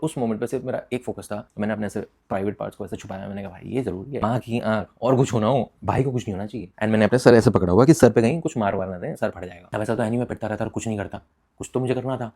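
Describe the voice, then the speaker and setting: Young man from India, casual storytelling, quick delivery, low voice, swears freely. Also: slightly rough. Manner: animated, mixes English into Hindi, swears freely. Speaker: vlogger telling a personal story. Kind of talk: casual storytelling with crude slang.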